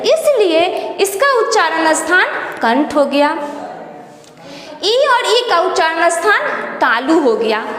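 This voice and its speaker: A woman teaching a Hindi grammar lesson, explaining slowly and repeating definitions to her students. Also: very high-pitched, a bit bright. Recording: echoey room with long reverb.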